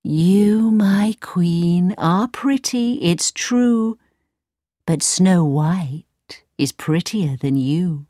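A woman voicing a magic mirror with a whispery, hushed voice. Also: mid-range voice, expressive, extremely slow, no room sound.

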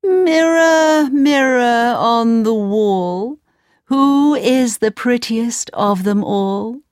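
A woman's voice: on the high side, a little mellow, clear, resonant tone, dry recording, studio quality, pitched above the performer's own voice. Woman putting on a wicked vain queen. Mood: grand. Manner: slow, drawn-out theatrical delivery. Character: vain wicked adult queen, haughty and cruel.

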